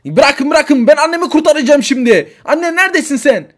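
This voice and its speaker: A frantic little boy shouts for his mother in a shrill, very high voice, as a man puts him on. This toy-story character's tone leaps around with urgency. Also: expressive, fairly quick. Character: frantic young boy Arda searching for mom. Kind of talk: toy figure story role-play.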